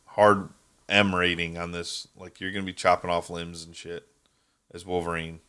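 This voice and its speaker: A man's voice: low-pitched, little pitch movement, normal speed, pushed and bright, smooth. A man co-hosting a casual podcast, rambling and chatty, often tripping over names. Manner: rambling, stumbles over names, laughs easily. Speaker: podcast co-host. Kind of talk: casual chat.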